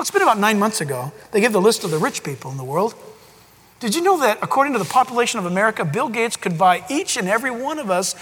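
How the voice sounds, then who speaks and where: A male pastor preaching with a very high, lively voice that swings up and down as he gets excited. His delivery is emphatic and full of rhetorical questions. The sound is bright and ringing, carried on a long hall reverb. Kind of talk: sermon.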